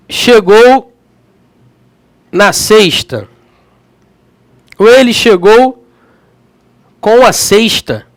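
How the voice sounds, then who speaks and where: A high-voiced man from Rio de Janeiro, Brazil, speaking Rio de Janeiro Portuguese, gives a lively grammar lesson. He's chatty and checks in with his students often, and the recording has no room sound.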